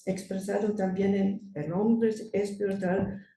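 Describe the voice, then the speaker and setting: German-accented woman, very mellow, echoey room. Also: mid-range voice, steady tone, unhurried. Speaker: conference speaker. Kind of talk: scripted academic paper read aloud. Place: conference room. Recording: echoey room, distant mic, faint noise.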